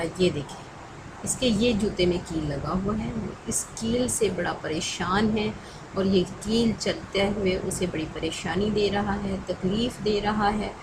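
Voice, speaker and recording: A woman school teacher explains a lesson to children patiently, often checking in with them. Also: mid-range voice. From Pakistan. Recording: recording with clear background noise.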